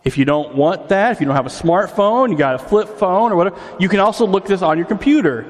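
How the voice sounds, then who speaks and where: A man's voice: high-pitched, expressive, fast talker. Pastor in his forties, big hall echo. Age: 40s. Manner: conversational, quizzing the congregation. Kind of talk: sermon. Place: church hall. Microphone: PA microphone. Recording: reverberant hall.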